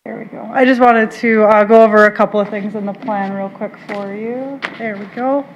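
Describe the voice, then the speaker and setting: Woman giving a report at a county meeting, lots of uhs, mid pitch, table mic, bit of hiss. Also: steady tone, dull audio. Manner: halting, many filler uhs. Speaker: water resource specialist presenting to county board. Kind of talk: public meeting presentation. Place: county board meeting room. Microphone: table microphone.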